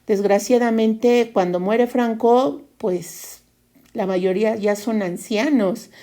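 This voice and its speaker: A woman presenting a lesson in a measured explanatory tone, using fillers such as "este" and "pues.". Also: fairly high pitch, mellow.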